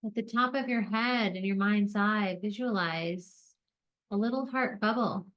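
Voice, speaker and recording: Guiding a meditation, this woman speaks softly in short, deliberate phrases with long silences between them. Her voice is mid-range, and the audio sounds dull.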